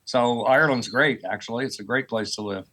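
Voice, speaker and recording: An American earth sciences professor in his sixties, from rural Oklahoma, answers interview questions as a guest, explaining things informally and conversationally. His mid-range voice is pushed and bright, moving a little fast.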